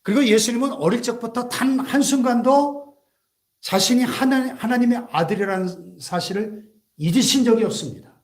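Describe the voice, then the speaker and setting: Pastor guy preaching with lots of questions and jokes, highish voice, echoey church. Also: moderate pace. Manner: emphatic preaching with rhetorical questions and humorous asides. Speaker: senior pastor. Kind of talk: sermon. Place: church sanctuary.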